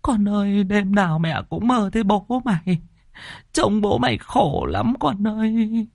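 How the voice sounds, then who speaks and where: A man voicing an old mother, grieving and furious, who scolds her son in a shrill, wailing voice. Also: very animated, a little slow, vocal fry, darkish tone, dry recording, studio quality, exaggerated voice. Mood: sobbing.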